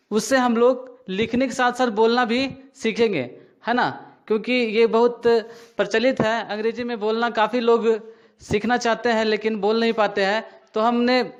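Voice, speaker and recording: A male teacher explaining a grammar lesson to his students. He keeps checking in with tag questions and repeats his own answers back to them. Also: very high voice.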